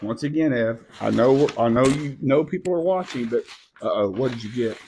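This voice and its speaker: A middle-aged man hosting a casual live video at home, playful and teasing with a child, often dropping to a soft hushed voice. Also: medium pitch, normal speed, a little hiss or hum.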